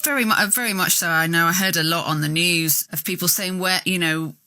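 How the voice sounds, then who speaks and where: A woman host leads an interview and introduces song picks. Her voice sits a little low but sounds bright. She talks in a chatty, easygoing way. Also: a little fast. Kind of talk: interview, presenting.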